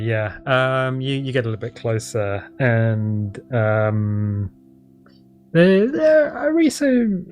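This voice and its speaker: A man improvising narration as game master of a tabletop game, halting and hesitant. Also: medium pitch, mellow. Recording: music playing behind the voice.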